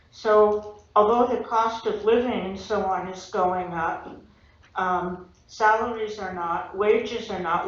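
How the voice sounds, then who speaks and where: A woman asking questions during public comment at a school board meeting, deliberate and a little wry. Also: medium pitch. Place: echoey public meeting room. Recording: echoey, dull meeting-room audio with faint room noise.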